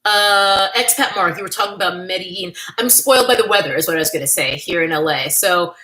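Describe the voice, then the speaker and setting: Brisk and sharp-toned, her fairly low voice comes through poor audio. She's a New York livestream host in a relaxed, candid mood, thanking viewers by name as she reads their comments.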